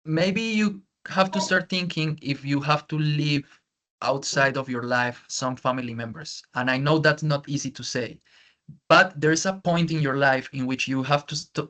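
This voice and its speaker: In an online feedback session over video call, an English teacher whose native language is Spanish gives feedback, often restating things in Spanish. His strong Spanish accent comes through in a medium-pitched, slightly bright voice.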